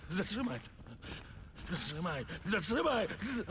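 A man's voice: high-pitched, big pitch swings, slow, fairly bright tone, slight background noise, heavily acted. An actor playing a claustrophobic, panicking adventurer in a video game, choking and gasping as he stammers. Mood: choking panic. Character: panicking, hallucinating, claustrophobic adventurer turned violent. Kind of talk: dramatic video game acting. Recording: music behind the voice.

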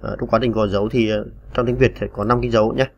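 A man's voice: fairly low pitch, level tone, rapid-fire, muffled recording, a little hiss or hum. A man teaching typing on a computer in a patient, step-by-step way, with many small fillers. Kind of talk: screen-recorded typing tutorial.

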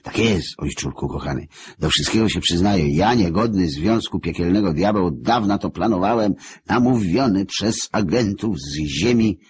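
A man voicing a tearful, cringing male devil who babbles pleading confessions, with a husky voice. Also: sits low, animated, normal speed, darkish tone, slight background noise, voice pushed up.

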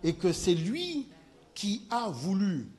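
A man gives a conference talk, pressing his points with emphatic repetition and frequent checks that his audience is following. His voice sits fairly high for a man. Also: very animated, slow, darkish tone. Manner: emphatic, repeats "voyez" to engage listeners. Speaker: speaker at a conference. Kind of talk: lecture with audience discussion.

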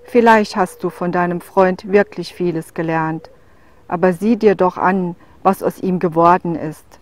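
A woman's voice: lowish voice, fairly even intonation, measured pace, lightly acted. A woman voicing a huge young male wolf in a storybook tale, blunt and scornful, talking with a growl.

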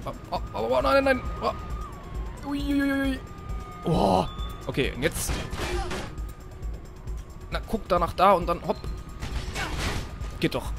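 A man commentating his own gameplay, yelping, swearing and shouting orders at the game character. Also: high voice, takes it slowly, gravelly, long pauses, music in the background. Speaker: let's play host.

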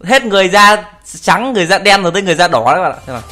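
A man's voice: high voice, lively intonation, rapid-fire, over music. A young man casually commenting on video clips, teasing and joking, laughing often and swearing in English. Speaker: YouTuber reacting to videos.

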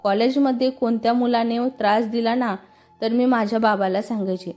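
A young woman mourning her father, voiced by a woman reading a story. She speaks tenderly and confidingly, in a mellow, fairly high voice. Faint music plays behind her. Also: steady tone, normal speed, natural voice. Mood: grieving. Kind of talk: storybook dialogue.

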